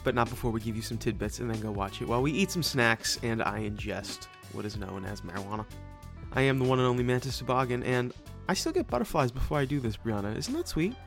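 A man hosting a casual movie podcast, joking around with goofy, animated bursts. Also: mid-range voice, quick pace, creaky, faint music behind. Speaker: podcast host.

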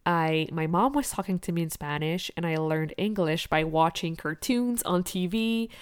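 A native French speaker who grew up in Quebec, Canada, hosts a casual solo podcast as a business coach, sounding upbeat, candid, and motivational. Her lowish voice is smooth and moves at a moderate pace, captured in clean studio sound with no echo.

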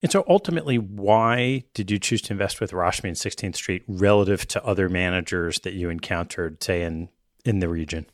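A man's voice: sits low, fairly quick, dry recording, studio quality. A man hosting an investment podcast, asking brief, direct questions. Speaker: podcast host. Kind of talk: interview questions.

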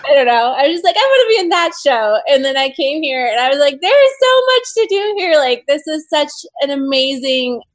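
A woman from the Midwest, a dancer and aerialist, chats in an interview over a video call. She tells her story with enthusiasm and slips into quoting her own past thoughts. Her voice sits a little high. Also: very animated, brisk, few pauses. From United States Midwest. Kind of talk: casual interview chat.

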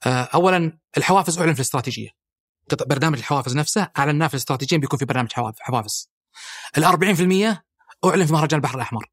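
A man's voice: on the high side, a bit bright, no room sound, clean studio sound. A middle-aged man with a Saudi accent, explaining as a guest in a podcast interview, fluent and listing points with frequent hesitation sounds. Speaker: guest, head of a national film body.

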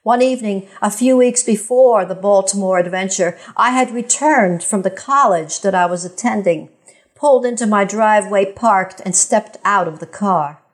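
A woman's voice: medium pitch, normal speed. An older woman reading a scripted first-person account in a plain, composed storytelling manner.

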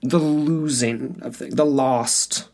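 A man's voice: medium pitch, fairly even intonation, takes it slowly, gravelly, darkish tone. A man co-hosting a podcast, rambling through the topic and teasing his co-host in casual chat.

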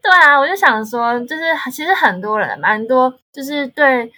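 Bright Taiwanese-accented woman, slightly husky. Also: high-pitched, expressive, normal speed. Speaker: guest, language tutor. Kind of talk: casual conversational storytelling.

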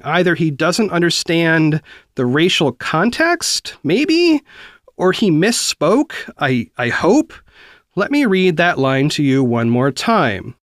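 A man's voice: on the high side, a bit bright, dry recording, clean studio sound. A man in his forties from the American South, hosting a news podcast, reading quotes and commenting in an earnest, conversational way. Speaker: podcast host.

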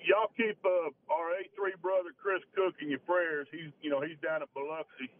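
A man's voice: on the high side, moderate pace. Radio show caller, man, Southern drawl, folksy, thin phone-line sound. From Arkansas. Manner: folksy, joking. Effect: phone call into a radio show.

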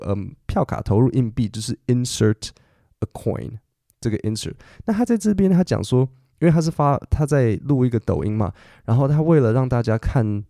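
A man's voice: lowish voice, vocal fry, warm tone, dry recording, clean studio sound. A middle-aged man, hosting a podcast English lesson and explaining patiently with fillers and self-corrections. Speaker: English teacher and podcast host.

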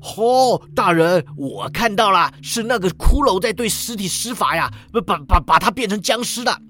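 A man's voice: on the high side, very animated, normal speed, a bit bright. A man voicing a sly, pleading male assassin locked in a cage, in a storybook reading. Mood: eager. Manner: pleading, complaining.

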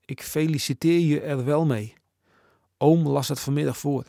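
A man's voice: fairly high pitch, steady tone, moderate pace, gravelly, mellow, no echo. A man reading out a chatty, gushing letter from a young schoolgirl in a storybook, in close to his own voice.

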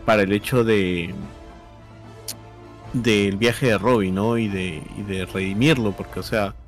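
A man with a lowish voice talks in a casual chat. He hesitates often and pauses with fillers. Faint music plays behind him. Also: steady tone.

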